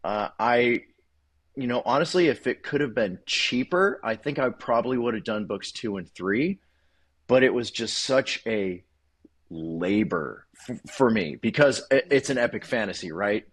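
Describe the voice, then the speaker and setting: A man's voice: medium pitch, lively intonation, unhurried. A man talking casually as a guest author in an interview, chatty and self-deprecating, laughing often.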